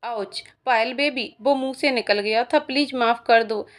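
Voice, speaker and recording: A woman's voice: on the high side, measured pace, close to an everyday voice. A woman voicing a joking young college guy, in a storybook reading. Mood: pleading.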